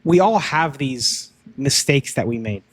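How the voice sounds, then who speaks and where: A man's voice: mid-range voice, lively intonation, a little slow, no echo. Young guy talking faith on a podcast, earnest, lots of likes and ums, dry mic. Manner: earnest, testimonial, with fillers like "um" and "like". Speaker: podcast co-host. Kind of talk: casual faith talk.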